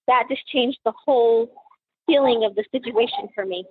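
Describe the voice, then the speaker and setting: A middle-aged woman, a grieving mother, recounting a painful memory in an interview, halting and emotional with many pauses and fillers. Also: a little high, husky, no room sound. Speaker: mother of a murder victim. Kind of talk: personal account in an interview. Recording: tinny phone-like sound.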